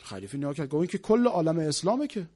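High-voiced man preaching with fervor. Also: lively intonation. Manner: impassioned, with rapid rhetorical questions; swings from low murmurs to loud exclaiming. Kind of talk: religious sermon.

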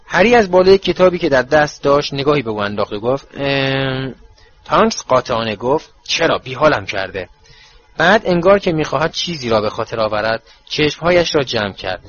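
A man narrating a storybook in an expressive, dramatic reading. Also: a little high, hardly any pauses, muffled recording, soft background music. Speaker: audiobook narrator.

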